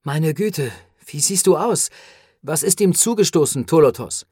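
An anxious, agitated man fires off worried questions in a raised voice, as a male narrator plays him. His pitch sits above the narrator's own. The sound is dry and close. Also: lively intonation, unhurried, a little mellow, slightly rough, no room sound.

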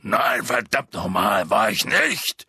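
A man voicing a gruff, nervous giant gamekeeper in an audiobook, with halting, clipped speech. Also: sits low, very animated, sharp tone, no echo, pitched below the performer's own voice, exaggerated voice. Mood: indignant. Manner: hesitant, halting. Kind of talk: audiobook character voice.

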